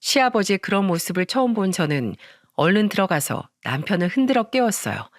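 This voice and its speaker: A narrator reading a dramatized family story in a calm, even storytelling manner. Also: mid-range voice, a little fast, no room sound, clean studio sound. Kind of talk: scripted audio-drama narration.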